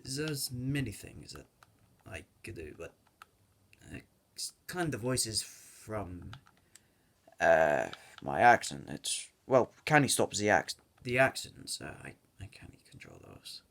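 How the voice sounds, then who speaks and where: A man's voice: on the low side, big pitch swings, slow, vocal fry, fairly bright tone. A man giving casual, rambling commentary over his own gameplay, joking and correcting himself as he goes. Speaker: gaming video creator. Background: keyboard and mouse clicks.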